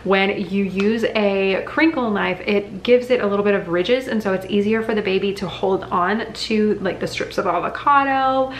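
A young woman vlogging as a mom, chatting enthusiastically about her haul, full of "like" and excitement. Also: medium pitch, normal speed, few pauses. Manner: bubbly, enthusiastic, chatty with many likes. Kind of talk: casual haul chat to camera. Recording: echoey room with faint background hum.

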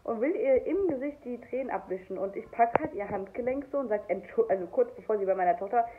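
A woman's voice: on the high side, expressive, fast. A woman in her twenties, a young mother, telling a storytime vlog in a heated, indignant way. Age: 20s. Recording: tinny phone-like sound, faint noise.

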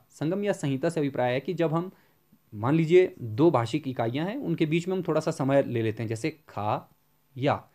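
A man giving an exam-prep Hindi grammar lecture, often asking a question and then answering it himself, and slowing down to spell out examples. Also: mid-range voice, a little mellow.

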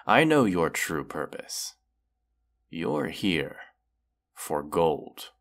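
In a scripted fantasy audio roleplay monologue, a man plays a proud, menacing, weary dragon who distrusts humans. His low, gravelly, fairly bright voice is very animated and exaggerated, and he speaks scornfully and haughtily, slow and deliberate, with long pauses.

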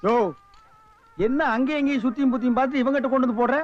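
An actor playing a sharp-tongued man who mocks and scolds a group of beggars in a film comedy. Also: very high voice, steady tone, very fast, slight background noise. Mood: mocking. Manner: mocking, scolding. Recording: dull lo-fi film soundtrack.

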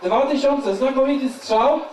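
A man's voice: extremely high pitch, a little slow, a little mellow, slight background noise. A man working as a playful charity auctioneer, calling and repeating bids from a stage. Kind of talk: live auctioneer patter, calling bids to a crowd. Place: event stage with live audience. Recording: echoey stage, far from the mic.

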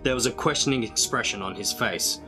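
A man reading a storybook aloud in a dramatic, measured way. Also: mid-range voice, music in the background. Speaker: storybook reader.

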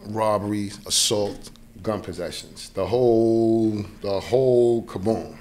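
This is a low-leaning, slow, slightly mellow male voice. The speaker is a man in his forties from New York, United States, with a New York accent, guesting on a podcast and telling a personal story in a relaxed way while often checking in with whoever's listening. The recording comes from a small indoor podcast studio via a close mic on a boom arm.

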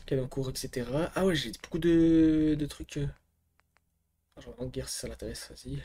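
A man giving casual let's-play commentary, excitable, swearing, and muttering to himself between outbursts. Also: fairly high pitch, normal speed, husky. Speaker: gamer streamer.

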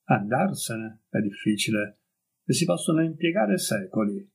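A man reading the lines of a gentle, mysterious young noblewoman in an audiobook story, in a soft, dreamy and dignified way. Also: mid-range voice, animated, normal speed, gravelly, breathy edge, rough recording.

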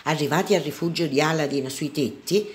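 Low-voiced teacher reading a storybook. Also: female voice, brisk. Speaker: primary school teacher.

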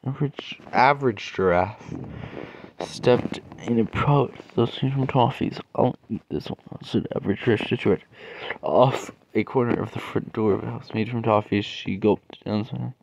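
A young man reading fan-made stories aloud, stumbling and halting with asides, over faint background noise. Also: mid-range voice, vocal fry, a little mellow, muffled recording.

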